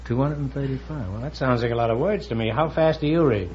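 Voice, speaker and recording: A man hosting a quiz show, teasing his guests with sly quick wisecracks. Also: medium pitch, a little mellow. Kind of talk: wisecracking interview banter. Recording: dull old broadcast with hiss, audience.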